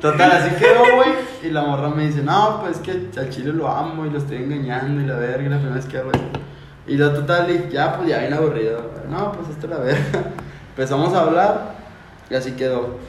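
This Mexican-accented man, a podcast guest, spins a casual, crude tale packed with slang and endless "güey." He sounds high-ish and talks fairly fast; the room echoes and there's slight hiss or hum.

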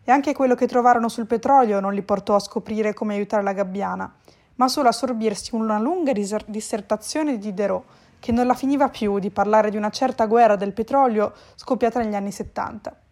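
A woman narrating a storybook chapter in a clear, even reading voice. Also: medium pitch, brisk. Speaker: audiobook reader.

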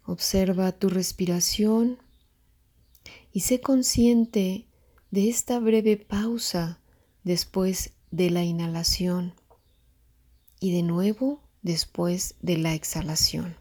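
A woman guiding a breathing meditation, giving soft, calm instructions and counting breaths aloud. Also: lowish voice, slow. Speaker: meditation guide.

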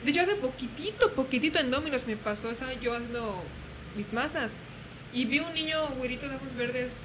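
A young woman telling stories in casual chat, animated and acting out voices. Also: high-pitched, fairly quick. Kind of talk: casual storytelling. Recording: noisy room.

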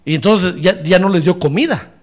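A man's voice: high voice, normal speed. A man preaching a fervent sermon, often calling his listeners brother.

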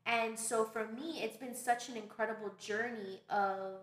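A woman from Brooklyn, a podcast guest telling stories in casual, animated chat. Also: fairly high pitch, unhurried. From Brooklyn, New York. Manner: animated storytelling, laughs often. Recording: roomy echo.

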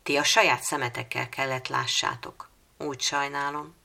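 Woman reading young girl, earnest, determined, eager, pleading, storybook, low gravelly voice. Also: level tone, pushed and bright, exaggerated voice.

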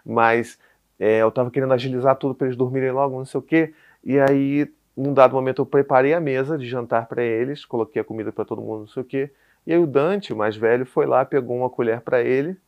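A man's voice: medium pitch, fast, muffled recording. A man in his thirties with a Brazilian Portuguese accent, a podcast guest telling a story in casual chat and acting out the dialogue. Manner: animated storyteller, acts out dialogue. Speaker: podcast guest, father of four.

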